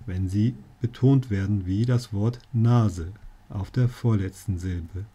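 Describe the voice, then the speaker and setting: A man's voice: lowish voice, takes it slowly, dark tone, breathy edge. A male teacher explaining spelling rules to learners, with dry jokey asides. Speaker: language teacher.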